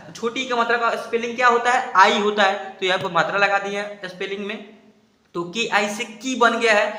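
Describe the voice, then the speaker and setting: A man from India teaching a spelling lesson, slowly spelling out syllables and explaining patiently. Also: high-pitched, pushed and bright, reverberant. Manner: slow repeated spelling-out, explanatory.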